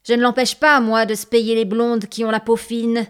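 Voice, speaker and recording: A woman's voice: medium pitch, moderate pace, natural voice. Woman reading defiant male miner, angry, threatening, storybook reading.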